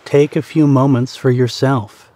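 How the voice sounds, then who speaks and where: A man guides a meditation in a soothing, deliberate way, pausing between short phrases. His mid-range voice is mellow, with fairly even intonation.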